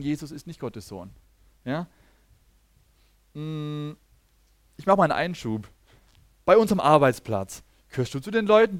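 A man giving a teaching sermon, talking lively, often checking in with listeners and acting out the people he quotes, with frequent restarts. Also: a little high, no echo. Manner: restarts sentences and acts out quoted speakers. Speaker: preacher.

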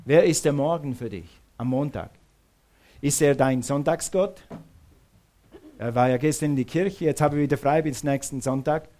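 A middle-aged male preacher with a slightly raised pitch. He speaks emphatically in sermon style. He presses his listeners with repeated questions. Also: moderate pace, warm tone.

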